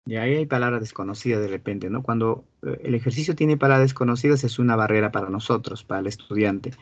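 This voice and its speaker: A man's voice: mid-range voice, no echo. Peruvian man teaching a class. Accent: Peruvian Spanish. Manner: repeats key words slowly, quizzes the class. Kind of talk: classroom lesson. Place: classroom with students. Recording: dull, dry sound.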